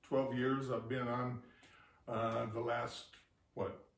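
A man's voice: medium pitch, level tone, takes it slowly, vocal fry. An older man speaking plainly and heartfelt about ministry work to school children. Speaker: ministry construction leader. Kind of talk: chapel talk. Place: living room, indoors. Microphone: far camera. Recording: roomy, distant camera audio with faint noise.

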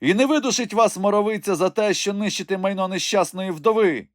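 A man voicing a sharp-tongued old peasant widow who scolds and curses defiantly. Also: high voice, a little fast, no echo, clean studio sound, pitched above the performer's own voice, lightly acted. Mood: scolding. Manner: scolding, cursing.

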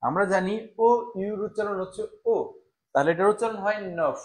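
A man teaching a live online French class, slowly sounding out numbers syllable by syllable and repeating each one. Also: high voice. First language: Bengali. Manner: slow, syllable-by-syllable pronunciation drills.

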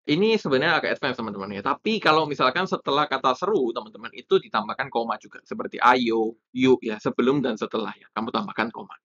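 A man teaching copywriting in a casual explanatory way, with lively emphasis on key points. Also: medium pitch, muffled recording. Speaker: copywriting instructor.

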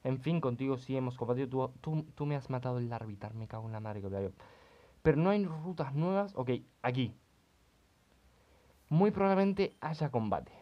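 A young man giving crude, excitable gaming commentary, swearing often. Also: medium pitch, moderate pace, lo-fi sound. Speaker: let's play host.

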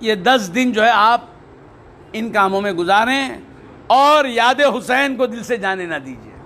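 A man's voice: high-pitched, lively intonation, unhurried, sharp tone. A man delivering a sermon as a preacher. He asks rhetorical questions, answers them himself and recites Arabic verses. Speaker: Sufi preacher.

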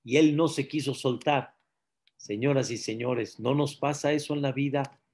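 A man's voice: medium pitch, normal speed, darkish tone. A man, a rabbi, giving a sermon-style Torah class, telling a story and addressing his listeners directly. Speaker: rabbi teaching Psalms.

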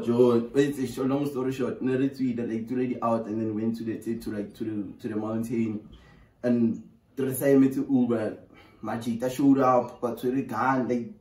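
A South African prankster in his 20s makes a casual, slangy prank phone call, animated, exasperated and pleading, with swearing. He speaks at medium pitch in a small bare bedroom, with the camera a short distance away. The distance from the mic gives a roomy echo.

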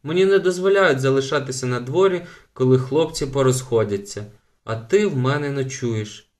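A man's voice: medium pitch, normal speed, pitched above the performer's own voice, close to an everyday voice. A man voicing a shy, well-behaved ten-year-old girl in a storybook reading. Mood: matter-of-fact. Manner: shy, careful.

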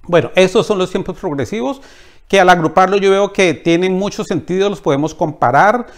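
A man with a fairly high voice gives a calm, slide-based Spanish grammar lesson. He recites each verb form slowly and carefully. His explanations run at an easy pace, with small fillers and restarts. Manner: slow, deliberate recitation of verb forms. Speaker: Spanish teacher.

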